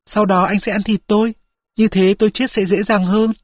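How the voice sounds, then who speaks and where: A reader voicing a small, frightened rabbit in a fairy tale, begging and lamenting in a husky voice. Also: medium pitch, level tone, normal speed, no echo, clean studio sound, pitched above the performer's own voice, natural voice. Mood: pleading. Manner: pleading, bitter.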